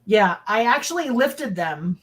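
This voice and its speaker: With a sing-song, slightly rough voice of medium pitch and a somewhat slow delivery, this middle-aged guest tells of her own sightings. She's on a video call in a dim room indoors, casual and emphatically repetitive.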